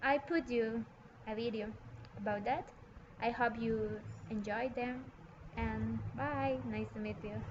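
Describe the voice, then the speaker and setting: A woman from El Salvador, giving a prepared class presentation in careful learner's English with halting phrasing. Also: a little high, steady tone, background noise. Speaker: student presenter. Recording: dull lo-fi recording.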